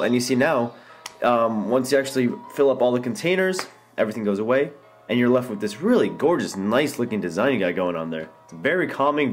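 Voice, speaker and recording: A young man casually walking through a phone game as an app reviewer, enthusiastic and rambling, with many ums and restarts. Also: mid-range voice. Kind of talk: casual gameplay walkthrough. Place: indoor room, filming a phone screen.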